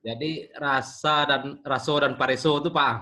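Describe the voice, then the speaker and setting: A man speaks in a bright, forward voice. He pauses often and fills gaps while building his point for the lecturer. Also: fairly high pitch, steady tone. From West Sumatra, Indonesia. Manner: hesitant, with many fillers. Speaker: student. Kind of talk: online class discussion.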